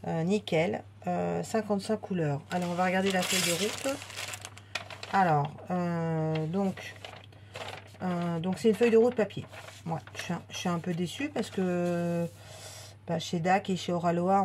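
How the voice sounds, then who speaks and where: A woman's voice: fairly low pitch, vocal fry, a little mellow, a little hiss or hum. A woman chatting casually while unboxing a craft kit, with many fillers and restarts. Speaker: craft vlogger.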